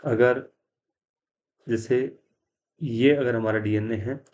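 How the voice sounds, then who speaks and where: Teaching a biology lecture slowly, a man speaks in a mid-range, darkish voice with fairly even intonation, and the highs are cut off. He works through the material step by step, answers his own questions, and slips English scientific terms into what he says.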